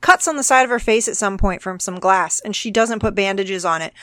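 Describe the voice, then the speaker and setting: A woman's voice: medium pitch, brisk, sharp tone, no echo. Exasperated woman on a dry mic. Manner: exasperated, emphatic. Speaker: podcast co-host. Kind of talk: casual review chat.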